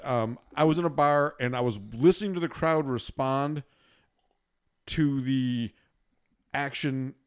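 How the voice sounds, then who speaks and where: A man co-hosting a casual talk show, speaking in a relaxed, rambling way with lots of ums. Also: medium pitch, clear, resonant tone. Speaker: podcast co-host. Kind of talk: casual chat.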